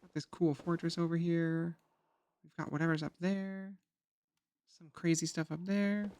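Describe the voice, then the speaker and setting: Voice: medium pitch, little pitch movement, unhurried, darkish tone. Chatty streamer talking to the chat. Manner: chatty, joking, swears, addresses the chat. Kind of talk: casual gameplay commentary.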